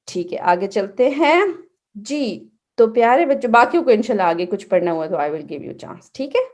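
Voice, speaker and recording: A woman's voice: medium pitch, expressive, darkish tone. A woman teaching children in an online class, patiently correcting their recitation and checking in with them often. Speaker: Quran and Seerah teacher for kids.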